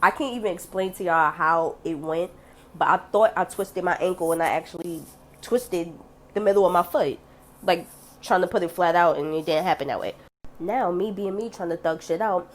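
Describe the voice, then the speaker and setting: A young woman talks straight to camera in a relaxed vlog, her voice sitting a bit on the low side. She is blunt and chatty and swears freely. She jumps into the voices of the people she quotes. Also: a little fast. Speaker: vlogger. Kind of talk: casual storytelling to camera.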